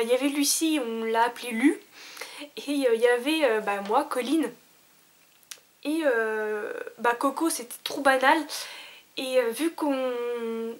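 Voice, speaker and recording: Chatty high-voiced young French woman vlogger. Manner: chatty, many fillers and restarts. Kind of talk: casual vlog chat.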